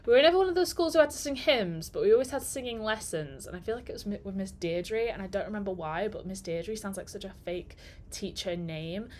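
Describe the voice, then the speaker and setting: A digital marketer vlogger in her twenties chats and tells stories during a live work stream, rambling and laughing between thoughts. Her mid-range, darkish voice moves with lively intonation at a fairly quick pace, with slight background noise.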